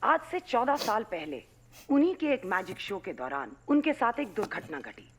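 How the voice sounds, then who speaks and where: An actress playing a television news reporter with a crisp, dramatic delivery. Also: female voice, fairly high pitch, sing-song, moderate pace, slight background noise.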